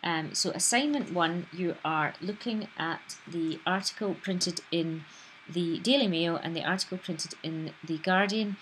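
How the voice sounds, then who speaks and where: British woman teaching, low-voiced. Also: a little slow, fairly bright tone, slight background noise, poor audio. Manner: explanatory, acts out example sentences in different tones. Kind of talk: recorded lesson.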